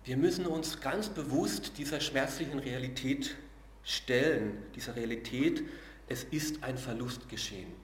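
Prediger in hallendem Saal. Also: male voice, medium pitch, roomy sound, slight background noise. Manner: earnest, slows and drops to a hush on key words; uses filler sounds between phrases. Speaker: preacher. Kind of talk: sermon.

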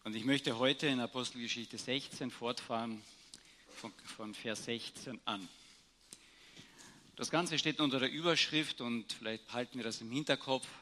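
A man preaching a sermon, telling Bible stories with shifts between hushed and raised emphasis. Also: medium pitch, moderate pace, slight background noise.

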